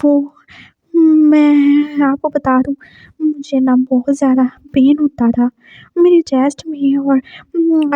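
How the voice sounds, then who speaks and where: A woman voicing a timid, tearful young man who pleads softly and anxiously. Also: high voice, dry recording, dull audio, close to an everyday voice.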